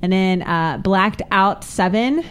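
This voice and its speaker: A woman's voice: medium pitch, slow, clear, resonant tone. A giggly woman with a New Jersey accent, chatting casually as an adult film performer guesting on a show. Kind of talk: casual chat.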